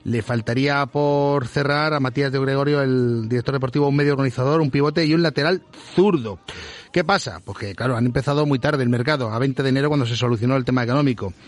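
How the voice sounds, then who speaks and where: A man's voice: mid-range voice, fast. A man with an accent from Spain giving a live sports news report on the radio. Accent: Spanish from Spain.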